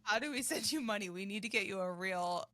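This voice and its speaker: Bright-voiced woman podcast host. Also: mid-range voice, lively intonation, fast, dry recording. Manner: giggly and playful. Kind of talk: casual chat.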